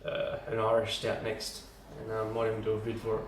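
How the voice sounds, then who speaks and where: The home brewer's lowish voice stays completely flat as he talks a little fast through an unscripted, filler-heavy how-to, rambling with ums and restarts. The distant camera recording is roomy, with noticeable background hiss.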